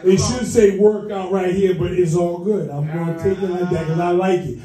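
A man from Boston doing a loud, crude stand-up set, shouting at the crowd in a comedy club. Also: high voice, steady tone, normal speed, recorded from a distance. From Boston, US East Coast. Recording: roomy club sound from afar, music.

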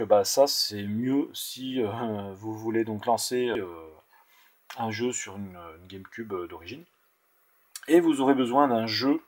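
A man's voice: mid-range voice, dark tone. Hesitant man walking through a tech tutorial. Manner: hesitant, many fillers and restarts, repeats "donc". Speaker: tutorial host. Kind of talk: screen-recorded tech tutorial.

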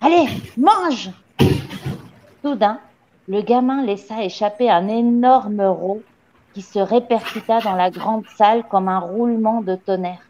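A woman reading a children's novel aloud in a steady, expressive storytelling manner. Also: medium pitch, unhurried, slight background noise. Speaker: reader. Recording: dull lo-fi audio.

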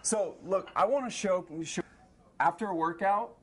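An energetic man in his thirties, a fitness coach, talks fast and pushes hard, cueing moves and explaining food. He speaks on a lapel mic on a TV studio set, with faint studio noise and pan sizzle in the background. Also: high voice. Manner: energetic, motivating, quick-talking coach. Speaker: strength and conditioning coach. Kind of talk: guest explaining fitness and nutrition.

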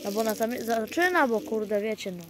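A pigeon keeper talks casually to his viewers outdoors by the loft, rambling along with many fillers and restarts in vlog-style narration. His high-pitched voice is brisk with lively intonation, and pigeons coo in the outdoor background noise.

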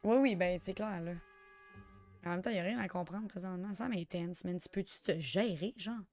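A young woman with a Quebec French accent chatting through a life-sim game, excitable and sprinkling in English slang. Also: lowish voice, moderate pace, faint music behind. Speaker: gamer. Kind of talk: let's play commentary.

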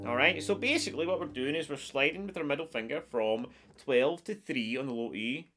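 In a small wood-paneled room at home, a guitar teacher in his forties with a slightly stuffed-up nose walks through a lesson in a friendly, easygoing way, counting frets and strings step by step. His mid-range voice runs a little fast, with loud acoustic guitar ringing behind it.

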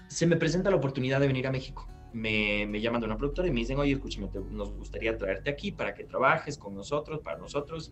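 A guest actor from Peru answers an interview question by animatedly telling a story, gesturing as he goes and restarting phrases. His voice is on the low side, picked up by a laptop webcam on a video call from a bright living room at home.

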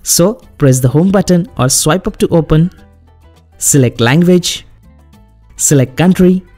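A man hosting a step-by-step phone tutorial as a voice-over, giving plain, brisk instructions. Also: a little high, dark tone, faint music behind. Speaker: tech tutorial host.

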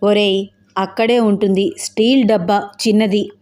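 A woman's voice: medium pitch, fairly even intonation, normal speed, a little mellow, natural voice. A woman voicing an easygoing, dismissive male friend in an audio novel, talking in a chatty, offhand way. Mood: casual.

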